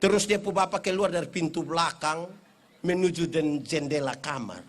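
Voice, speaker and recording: A man's voice: on the high side, normal speed. A man with an eastern Indonesian accent preaching a humorous Christmas sermon, acting out stories in playful voices. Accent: eastern Indonesian (Kupang Malay). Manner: animated storyteller, acts out villagers in funny voices. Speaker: pastor. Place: church or hall event, live.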